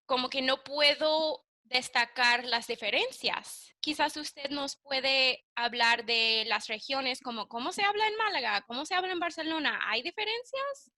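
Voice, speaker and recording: A woman's voice: high-pitched, measured pace, few pauses, bright, forceful tone. A woman interviewing a guest, asking polite and formal questions with curiosity.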